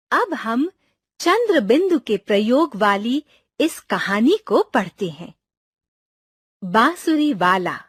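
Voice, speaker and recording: A woman reading a poem and a story aloud to children in an expressive, sing-song recitation. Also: on the high side, slightly rough, no echo.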